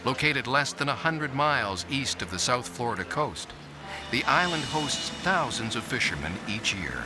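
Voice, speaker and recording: A man's voice: medium pitch, very animated, moderate pace. A man reading scripted narration for a nature documentary. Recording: narration over music bed. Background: music.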